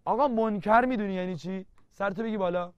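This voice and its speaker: A man's voice: high voice, clear, resonant tone, no room sound. A man teaching an exam-prep literature lesson, playful and teasing, repeating key terms again and again to drill them. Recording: dull lo-fi dry sound.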